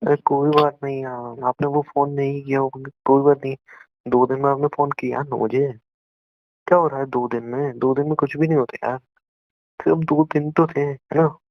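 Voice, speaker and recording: A young Indian man talks with an ex over the phone, hurt and near tears, reproachful and going over the same points again and again. His mid-range voice is flat and moves at a moderate pace. The dry, muffled, lo-fi phone recording carries the conversation.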